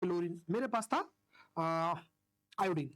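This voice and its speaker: A woman's voice: fairly low pitch, unhurried. A woman teaching an online chemistry class, chatty and informal, who keeps asking questions and answering them herself. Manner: chatty, asks and answers own questions, homely analogies.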